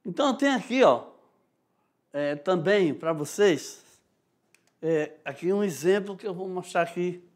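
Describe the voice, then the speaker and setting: High-voiced Brazilian male teacher. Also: lively intonation, unhurried, long pauses. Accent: Brazilian Portuguese. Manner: explanatory, frequent "tá?" and "né?" check-ins, demonstrates rhythms aloud. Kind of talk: recorded online class lecture.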